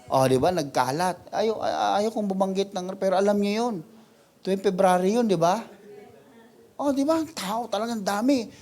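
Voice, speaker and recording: A male pastor preaching a mid-week Bible study, mixing in English verses and acting out quoted people in sudden high voices. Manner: animated preaching, voices quoted people, big pitch swings; mixes English verses into Tagalog, halting restarts.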